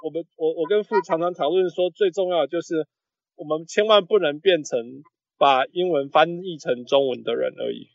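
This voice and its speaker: A man's voice: fairly high pitch, moderate pace, gravelly. A man hosting a casual sports podcast, slipping English phrases into his Mandarin and repeating words as he searches for terms. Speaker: podcast host. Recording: muffled, roomy lo-fi podcast audio.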